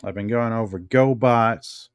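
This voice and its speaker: In an unhurried show-and-tell vlog at home, this middle-aged American handles objects and muses aloud to himself. His voice is on the low side, clear and resonant, with clean studio sound and no echo.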